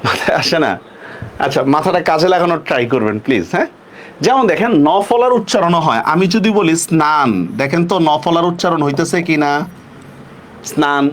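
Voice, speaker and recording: A young Bangladeshi man teaching an online pronunciation lesson, asking the class questions and repeating words slowly to show how they sound. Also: a little high, animated. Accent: Bangladeshi Bengali.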